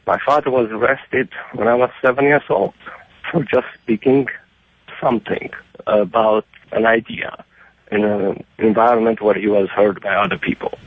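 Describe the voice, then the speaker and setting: Gravelly middle-aged caller on a phone line from Romania. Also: male voice, lowish voice, no room sound. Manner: earnest, halting with repeated restarts. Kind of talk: phone-in radio call. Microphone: telephone.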